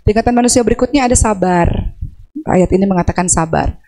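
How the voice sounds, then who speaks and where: A woman's voice: medium pitch, fast talker, dark tone. Woman preacher in a reverberant mosque. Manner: conversational, asks the audience questions; acts out anguished prayers in a raised voice. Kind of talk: religious talk to women. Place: large mosque hall. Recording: long hall reverb.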